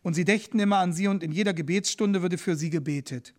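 A man's voice: high voice, fast talker, close to an everyday voice. A man voicing a friendly middle-aged male policeman who talks in a plain, confiding way.

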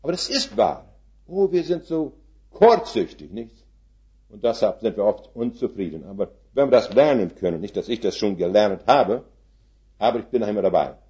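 Older man preaching with lively pitch. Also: normal speed, muffled recording. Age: 70s. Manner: folksy, rhetorical questions to the congregation; drops English words into his German. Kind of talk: sermon with illustrative stories.

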